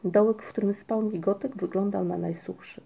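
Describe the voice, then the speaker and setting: A woman narrating a children's storybook in a gentle, even reading voice. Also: medium pitch, normal speed, vocal fry, husky. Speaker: audiobook narrator.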